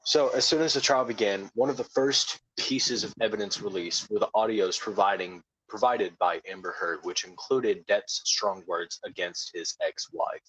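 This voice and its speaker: A man co-hosting a casual podcast, laid-back, reading haltingly from a web page. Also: on the low side, fairly bright tone, breathy edge, no room sound, rough recording. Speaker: podcast co-host.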